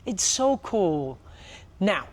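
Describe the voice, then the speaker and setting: A woman's voice: medium pitch, sing-song, extremely slow. A woman conducting a casual promotional interview in a chatty, encouraging way.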